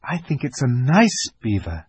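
A man voicing an excited young girl in a storybook reading, eager and exclaiming. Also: medium pitch, a little slow, slightly rough, pitched above the performer's own voice, heavily acted.

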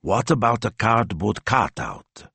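A man's voice: lowish voice, big pitch swings, measured pace, pushed and bright, husky, no echo, voice pushed up, heavily acted. A man voicing a hopeful wife who whispers her eager ideas at night. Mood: excited whisper.

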